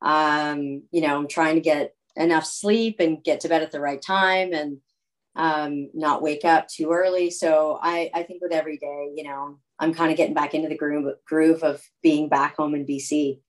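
Relaxed low-voiced woman in her thirties, guest on a video call from home. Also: moderate pace, low-quality recording. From California, United States. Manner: relaxed, rambling, with fillers and restarts. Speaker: guest, athlete. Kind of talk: casual video call interview. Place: home room.

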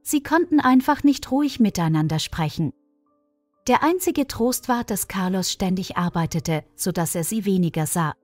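A woman reading a scripted story in a calm, even storytelling manner. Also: medium pitch, moderate pace, no echo. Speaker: narrator. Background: faint music.

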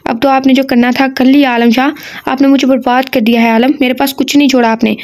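A woman's voice: high-pitched, flat delivery, brisk, darkish tone. A woman voicing a distraught young bride who pleads and protests through tears in an audio novel reading. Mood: tearful.

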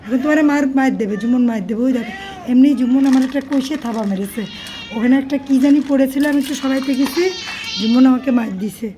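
A hoarse woman who has partly lost her voice talks to her cats in coaxing, repetitive baby talk, calling them over and fussing over them. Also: high voice, quick pace, mellow, slight background noise. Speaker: cat caretaker vlogger.

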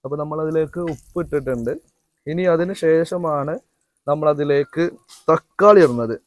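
A man's voice: fairly high pitch, moderate pace, no echo. Man, casual vlog narration, chatty, outdoors, dry sound. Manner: chatty, talks straight to viewers, teasing asides. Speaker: family vlogger cooking. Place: outdoors behind a house.

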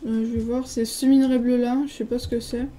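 A woman with a French accent walks through a game server, reading out signs and filling pauses with hesitant filler sounds. Her voice sits a little high but sounds very warm and mellow. A faint background noise runs under the casual home recording. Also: flat delivery, low-quality recording. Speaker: gaming video creator.

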